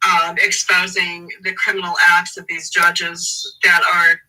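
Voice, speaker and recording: A woman advocate in an interview, speaking emphatically and indignantly, slowing down to stress key words. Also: fairly low pitch, monotone, bright, forceful tone, far from the mic, poor audio. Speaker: advocate for a family in a custody case. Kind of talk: interview guest, reading court documents.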